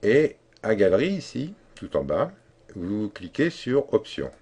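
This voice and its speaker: A man giving a screen-recorded software tutorial, explaining step by step in a halting way with many fillers and restarts. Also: fairly low pitch, sing-song, breathy edge. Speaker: tutorial instructor.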